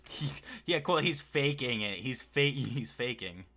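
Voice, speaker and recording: A man chatting on a voice call during a tabletop game session, his pitch sitting in an ordinary middle range. He laughs a lot and trips over his words, starting sentences two or three times before they land. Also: lively intonation, unhurried, pushed and bright. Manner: laughs often, stammers and restarts. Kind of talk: casual chat during an online tabletop game.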